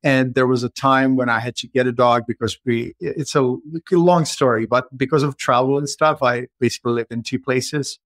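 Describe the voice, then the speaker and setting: A man's voice: mid-range voice, steady tone, moderate pace, hardly any pauses, a bit bright, no room sound. A man from the Czech Republic with a Czech accent, hosting a podcast and telling rambling personal stories in casual conversation. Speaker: podcast host. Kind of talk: casual interview chat.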